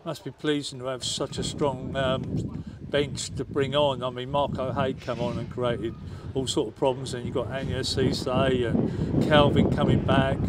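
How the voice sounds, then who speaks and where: A man, a club media interviewer asking chatty, informal questions after a match. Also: mid-range voice. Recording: noisy outdoor stadium at night.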